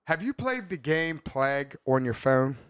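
A man in his thirties talks over a casual podcast chat, rambling and swearing freely, with a laugh breaking in now and then. His voice sits at an ordinary middle pitch and is recorded close and dry. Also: sing-song, a little slow, clean tone, no echo. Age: 30s. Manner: rambling, profane, laughs often. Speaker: podcast host.

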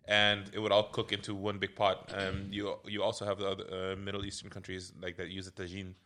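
A young man chatting on a podcast, his voice lowish but bright and forceful. He gets hesitant and trips over his restarts when he explains something. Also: completely flat delivery, a little fast. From Curaçao. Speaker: podcast co-host. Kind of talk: casual chat.

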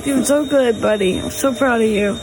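A woman with a Southern US accent chatting casually to viewers as a family vlogger, in a drawling, folksy, encouraging way. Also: fairly quick. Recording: noisy handheld recording with vehicle rumble.

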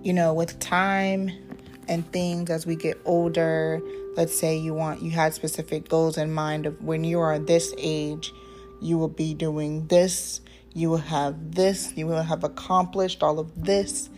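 A woman in her twenties hosting a casual faith-based podcast, talking in a relaxed, rambling way with many ums and asides. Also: low voice, a little slow, soft background music. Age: 20s. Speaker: podcast host.

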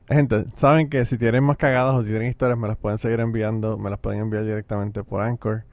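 A man's voice: fairly low pitch, darkish tone, dry recording. Male host, easygoing and jokey, mid-range voice, dry close mic. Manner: laid-back, joking, chatty. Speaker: podcast host. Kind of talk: casual podcast chat.

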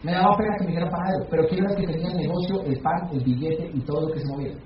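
A man giving a motivational talk to a business meeting, putting questions to the audience and acting out shouted calls. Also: fairly high pitch, racing, a crowd in the background. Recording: echoey, dull hall recording from far off.

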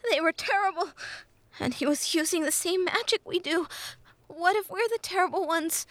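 A woman's voice: very high voice, normal speed, a bit bright, dry recording, voice pushed up. A woman voicing a terrified little imp. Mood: anxious. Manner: trembling, stammering and pleading. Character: frightened small male imp, guilt-ridden.

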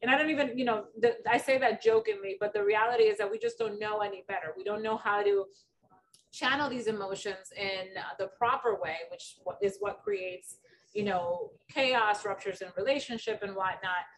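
A woman's voice: mid-range voice, normal speed. A middle-aged woman from the Dominican Republic hosting a casual interview, chatty and full of stories, often using fillers. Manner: chatty, storytelling, many fillers. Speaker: podcast host. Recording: distant mic with faint background noise.

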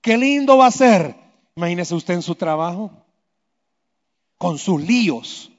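A man preaching a sermon, swinging between loud emphatic lines and hushed low ones. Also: animated, unhurried. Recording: echoey hall, dull lo-fi sound.

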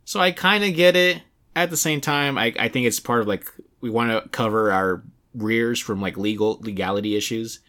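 A young adult man hosts a casual video game podcast. He rambles, starts sentences over and fills gaps with "like" and "uh," his voice sitting in an ordinary middle pitch. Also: moderate pace, sharp tone. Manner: rambling, many restarts and fillers. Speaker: podcast host.

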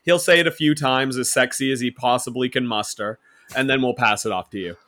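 Guy hosting a podcast, jokey and teasing, average pitch. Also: pushed and bright. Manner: joking, teasing, quick laughs. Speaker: podcast host. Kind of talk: casual podcast chat.

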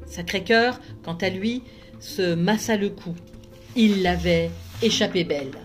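A woman, a librarian, reading a children's storybook aloud with measured, expressive narration. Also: mid-range voice, faint music behind.

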